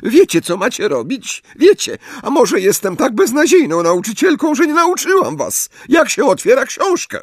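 A high, shrill, quavering older woman who teaches fortune-telling in an audiobook. She is hysterical and melodramatic and always near tears, and the recording is dry and close. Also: big pitch swings, normal speed, hardly any pauses, dry recording. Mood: shrill, snappish. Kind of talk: audiobook character voice.

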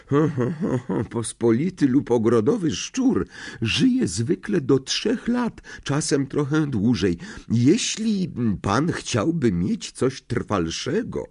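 A fussy old witch shopkeeper in an audiobook, as a male narrator puts her on, speaking high above a man's usual voice. She draws her words out slowly and hums to herself, and her tone is slightly husky with a swooping, lively melody. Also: full character voice. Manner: high, drawn-out, humming to herself.

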